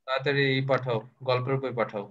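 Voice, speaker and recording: A man's voice: medium pitch, steady tone, fast talker, a bit bright. A man leads a live vocabulary class over a video call. He is playful and teasing and slips English words into his talk. His voice sits in an ordinary middle register, and the call audio sounds dull and lo-fi. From Bangladesh. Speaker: vocabulary teacher.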